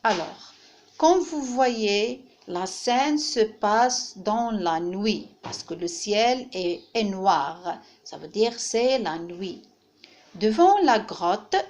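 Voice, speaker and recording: In this French phonics lesson for young children, a woman teacher patiently repeats each word and breaks it into syllables. Her mid-range voice is animated and somewhat dark in tone, and she speaks at a slow pace.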